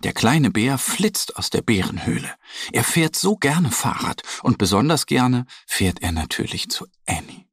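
A man narrating a children's story in a slow, lively storytelling manner. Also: mid-range voice, gravelly, husky, dry recording, studio quality.

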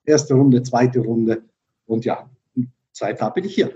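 Man from South Tyrol, mellow voice. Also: medium pitch, takes it slowly, lo-fi sound. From South Tyrol, Italy. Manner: thinks aloud with many fillers and restarts. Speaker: tourism director, podcast guest. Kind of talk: conversational interview answers.

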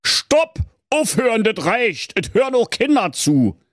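A man's voice: very high voice, very animated, a little slow, no echo, studio quality, pitched above the performer's own voice, heavily acted. A man voicing a bossy male wolf disguised as Santa who scolds his partner. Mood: scolding.

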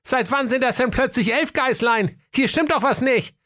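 A whiny, dim fairy-tale brother. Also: male voice, moderate pace, fairly bright tone, no room sound, studio quality. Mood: flustered, whiny. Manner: high, whiny, fussy. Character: dim-witted, easygoing fairy-tale brother, middle-aged man. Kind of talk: comic radio fairy-tale acting.

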